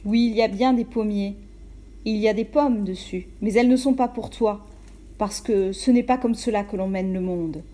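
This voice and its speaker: A grave, ancient storybook elder with a stern way of speaking, read by a woman. Her voice stays dark and mellow, close to her own. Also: medium pitch, normal speed, lightly acted.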